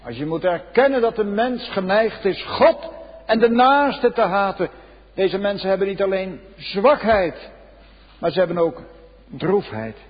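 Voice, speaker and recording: A man preaching a solemn sermon, swinging between loud exclamations and hushed, low passages. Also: animated, measured pace, slightly rough. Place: church. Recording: dull lo-fi recording in a reverberant church.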